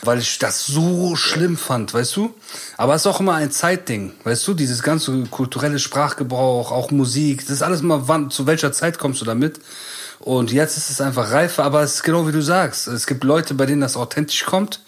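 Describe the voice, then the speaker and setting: A man's voice: medium pitch, a little fast, breathy edge. A man co-hosting a podcast, talking in a loose, slangy way and often tagging on "you know?". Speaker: podcast co-host. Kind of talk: casual chat.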